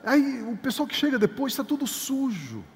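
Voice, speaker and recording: A man's voice: very high-pitched, sing-song, normal speed, big-room sound. An older man preaching a sermon as pastor, emphatic and repeating key words for stress. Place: church sanctuary.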